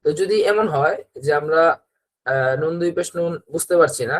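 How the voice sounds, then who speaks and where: A man's voice: on the high side, normal speed. A man with a Bangladeshi Bengali accent teaching Quran reading in an online class over a video call, patiently repeating drills for students to echo.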